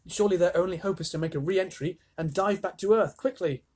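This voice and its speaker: A man's voice: high-pitched, a little fast, darkish tone, breathy edge, pitched above the performer's own voice. A man voicing an eager, earnest young boy. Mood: earnest urgent. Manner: earnest, urgent.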